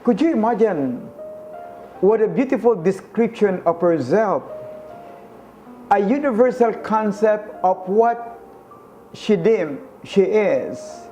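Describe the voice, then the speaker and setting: Slow, earnest male preacher. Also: sits high, expressive, mellow, faint music behind. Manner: slow, earnest, emphatic with rising stresses. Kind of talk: sermon-style reflection.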